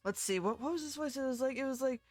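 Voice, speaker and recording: A woman's voice: high voice, quick pace, darkish tone, no room sound, soft background music. A woman streamer chatting casually and giggling while she plays through a game. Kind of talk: casual chat while gaming.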